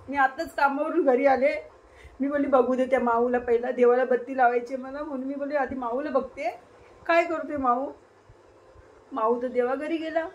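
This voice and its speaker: A woman from Maharashtra vlogging casually to her viewers and her small daughter, tearful and cooing in soft sing-song baby talk. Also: sits high, low-quality recording. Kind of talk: casual vlog talking to viewers and her child.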